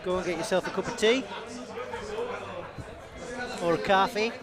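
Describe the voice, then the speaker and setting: A man works as a tractor pull announcer, his voice pitched high for a man. He chats through the live event outdoors, with a loud crowd around him. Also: moderate pace. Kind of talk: live event commentary, chatty co-hosting. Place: outdoor motorsport arena.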